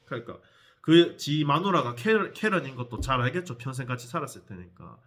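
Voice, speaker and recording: Lively, bright-voiced man. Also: medium pitch, a little fast. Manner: heated, profane, addresses viewers directly. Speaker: vlogger telling a personal story. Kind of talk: animated storytelling vlog.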